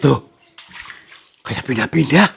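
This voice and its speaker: A man hosting a ghost-hunting vlog who politely coaxes and soothes unseen spirits, often hushed. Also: medium pitch, lively intonation, takes it slowly, creaky, a little hiss or hum. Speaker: paranormal explorer host.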